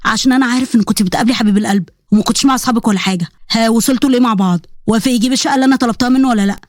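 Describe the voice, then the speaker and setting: A woman playing a strict middle-aged father, stern and commanding in an Egyptian accent. He fires off orders very quickly in a fairly high voice. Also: a little mellow, no echo, studio quality, lightly acted.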